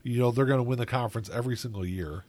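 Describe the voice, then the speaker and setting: A man's voice: mid-range voice, very fast, darkish tone. A man hosting a casual chat, rambling with lots of filler words.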